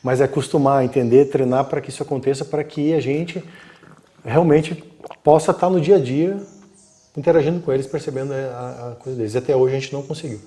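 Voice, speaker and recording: A Brazilian man spins a long story in easy, unhurried talk, slipping into the voices of the people in it. His tone is dark and mellow, sitting at an ordinary middle pitch. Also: faint music behind. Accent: Brazilian Portuguese. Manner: animated, acts out quoted dialogue. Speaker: guest storyteller. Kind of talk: casual live-stream storytelling.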